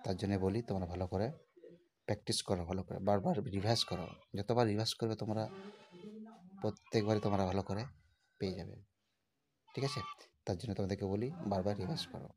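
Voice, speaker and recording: Woman exam-prep teacher, very deep voice, fast and repetitive, coaxing students along. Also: steady tone, darkish tone. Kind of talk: casual exam tips to students.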